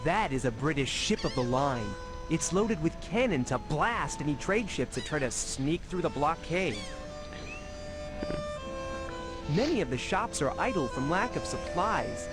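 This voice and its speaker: A man's voice: a little high, big pitch swings, moderate pace, poor audio. An actor voicing a restless young colonial Minuteman soldier who is eager to fight, talking in an earnest, folksy way. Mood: explaining. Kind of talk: 1990s educational game voice acting. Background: game music.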